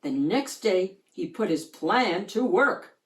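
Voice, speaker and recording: With a medium-pitched voice, a woman gives a slow, expressive storytelling reading of a children's picture book in a reverberant space.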